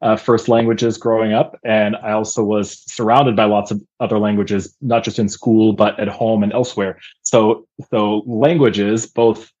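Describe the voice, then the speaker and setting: Man from Austria, husky voice, muffled lo-fi call audio, thoughtful teacher guest. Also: on the low side, little pitch movement, measured pace, hardly any pauses, a little mellow. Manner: thoughtful, with frequent uh fillers. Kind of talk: casual interview chat.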